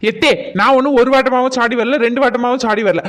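A very high-pitched, exasperated daughter-in-law from a comedy skit , played by a man. The voice has a Tamil Nadu accent and grumbles with sarcastic resentment. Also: fairly even intonation, quick pace, fairly bright tone. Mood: exasperated, arguing.

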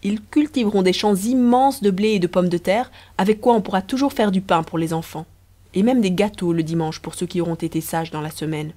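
A woman voicing a playful, scheming young empress who speaks in a lively, persuasive, teasing way. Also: medium pitch, fairly quick, lightly acted.

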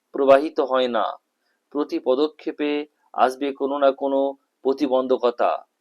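Man tutor reading answers in halting phrases. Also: medium pitch, a little mellow, muffled recording. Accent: West Bengal Bengali. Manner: slow, halting, breaks sentences into short phrases; lists words one by one with stress. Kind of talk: reading exam answers aloud.

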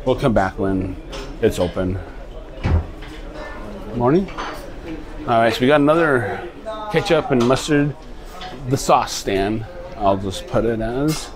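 Taking his time and pausing often, a man with an expressive mid-range voice films a laid-back, wandering walkthrough of a ship's buffet restaurant indoors. He's a travel vlogger with a handheld camera, and the recording is rough.

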